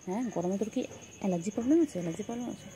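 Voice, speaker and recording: A woman's voice: mid-range voice, rapid-fire, background noise. A woman filming her pet cat at home, talking to it in repetitive, sing-song baby talk.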